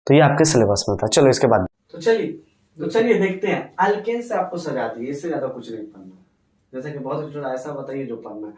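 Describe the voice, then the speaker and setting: A man's voice: mid-range voice, a little mellow. A male chemistry teacher at a whiteboard who asks his students questions and answers them himself, counting atoms aloud one by one. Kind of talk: whiteboard lesson. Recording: echoey room, distant mic.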